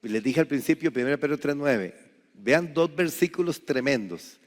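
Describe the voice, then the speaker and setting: Pastor preaching in a reverberant hall. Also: male voice, animated, normal speed. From Costa Rica. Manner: rises to loud, high emphasis then drops to quiet. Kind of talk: sermon.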